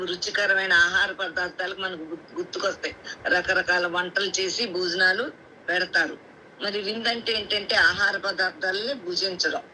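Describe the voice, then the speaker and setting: A woman with a mid-range, pushed and bright voice preaches a Bible sermon on a group call, and the audio is poor. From Andhra Pradesh, India, she has a coastal Andhra Telugu accent and works as a lay preacher, going point by point, repeating phrases and posing rhetorical questions. Faint background noise is heard on the conference call.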